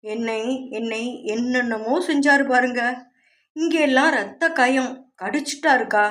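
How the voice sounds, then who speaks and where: ஒரு நாவல் வாசிப்பில் வரும் பயந்த, குழந்தை போன்ற இளம் மணப்பெண், ஒரு பெண் நடித்துக் காட்டுகிறார். அவள் தாழ்ந்த குரலில் கண்ணீருடன் கெஞ்சுகிறாள், குரல் சற்று உயரமாக ஒலிக்கிறது. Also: female voice, on the high side, measured pace, a bit bright. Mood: frightened pleading. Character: frightened young bride, childlike and pleading.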